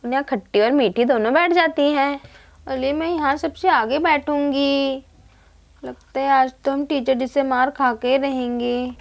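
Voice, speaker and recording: A woman with a high voice tells a doll play about a school class. She speaks the schoolgirls and the teacher in her own voice, switching straight from one to the next. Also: fairly even intonation, measured pace. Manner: plays every child and the teacher herself in one voice. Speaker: doll-play narrator and voice of all characters. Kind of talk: Barbie doll story play.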